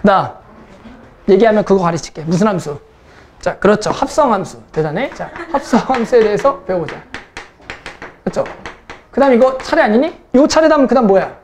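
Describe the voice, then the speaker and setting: A woman's voice: medium pitch, lively intonation, brisk, pauses often, noisy background. A young woman math teacher lecturing a class, casual and teasing, who keeps checking in with her students.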